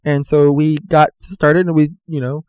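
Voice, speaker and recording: Young male podcast host, slightly high voice, rambling casual delivery, dry close sound. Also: flat delivery, a little slow, darkish tone, clean tone, dry recording. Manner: rambling, filler-heavy, laughs easily. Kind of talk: casual chat.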